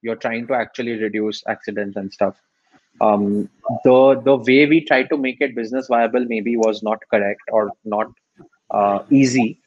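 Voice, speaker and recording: A man's voice: mid-range voice, fairly even intonation, normal speed, darkish tone, no echo, lo-fi sound. A man with an Indian accent telling stories conversationally as a startup founder in an interview.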